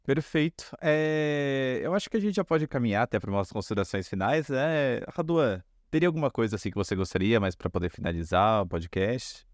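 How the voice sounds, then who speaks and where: A man hosting a podcast, speaking in a calm, measured way. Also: mid-range voice, no echo, clean studio sound. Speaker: podcast host. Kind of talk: podcast conversation.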